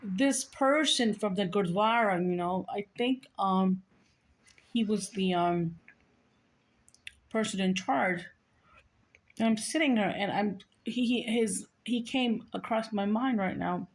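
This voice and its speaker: A woman's voice: medium pitch, slow. A woman vlogger telling her viewers a personal story in a casual, earnest and rambling way, often restarting her sentences.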